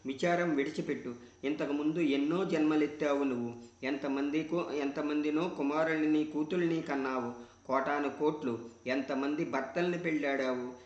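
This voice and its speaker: A man voicing a kindly old male sage who calmly consoles a grieving woman, in a roomy, dull recording. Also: on the high side, normal speed, lightly acted. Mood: consoling.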